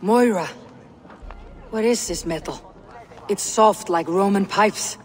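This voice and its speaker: A woman's voice: medium pitch, slow, natural voice. An actress playing a stern, loyal Viking warrior woman in a video game, firm and declamatory. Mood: curious, measured. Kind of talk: dramatic video game acting. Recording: long hall reverb.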